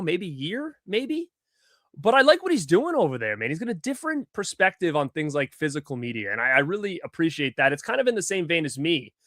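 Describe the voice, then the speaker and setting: A man's voice: high voice, a bit bright, no echo, studio quality. A man hosting a live stream through a headset mic, chatting casually and greeting viewers by name in an upbeat way. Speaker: livestream host.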